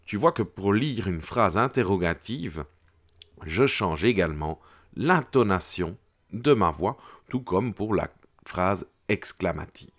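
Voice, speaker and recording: A low-voiced man teaches schoolchildren, unhurried and deliberate. His pitch swings widely as he stresses each example, and he keeps his phrasing clear and patient. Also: lively intonation, a bit bright. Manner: slow, clear, explaining with exaggerated intonation on examples. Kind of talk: grammar lesson for children.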